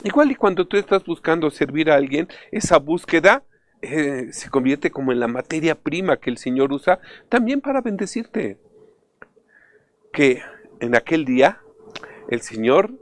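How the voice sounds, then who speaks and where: A man from Mexico, preaching a sermon in an earnest storytelling way, often lifting his pitch to stress a point. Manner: earnest, storytelling, pitch rises for emphasis, frequent fillers. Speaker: pastor.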